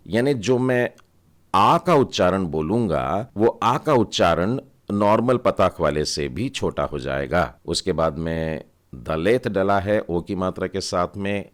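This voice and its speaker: A man teaching Hebrew vowel signs in a patient, step-by-step way, asking learners to read along. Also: low voice.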